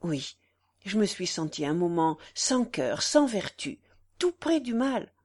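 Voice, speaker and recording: A woman's voice: lowish voice, big pitch swings, slow, darkish tone, slightly rough, voice pushed down, exaggerated voice. A woman reading the part of a young wife defending herself, with pleading, earnest delivery.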